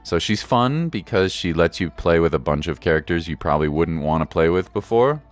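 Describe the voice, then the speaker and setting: A man's voice: deep voice, animated, a little fast, faint music behind. A man streaming a game and chatting casually with viewers, slangy and reassuring, repeating his points for emphasis. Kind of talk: casual livestream chat with viewers.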